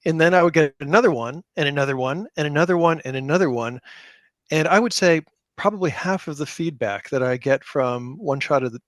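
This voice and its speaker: A middle-aged man, a game creator and high school teacher, tells anecdotes casually as a podcast guest and repeats words for emphasis. His fairly high, slightly bright voice is brisk, recorded in studio quality with no room sound.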